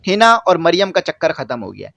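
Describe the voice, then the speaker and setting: A man's voice: on the high side, sing-song, fairly quick, creaky, fairly bright tone, muffled recording. A man explaining English exercises to students, repeating each point and checking that they follow. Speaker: English teacher. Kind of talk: classroom-style lesson explanation.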